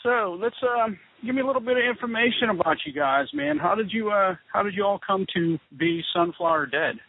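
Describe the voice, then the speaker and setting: A man's voice: sits high, fairly quick, vocal fry. A man interviewing a guest over the phone for a magazine, laid-back and chatty. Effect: heard over a phone line. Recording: tinny phone line with hiss.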